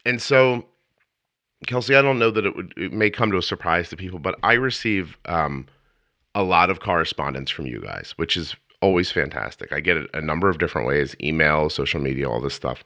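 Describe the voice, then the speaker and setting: A man's voice: sits low, expressive, brisk, pushed and bright, no echo. A man hosting a podcast interview in a casual, rambling way, often restarting his sentences as he tells a story. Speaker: podcast host.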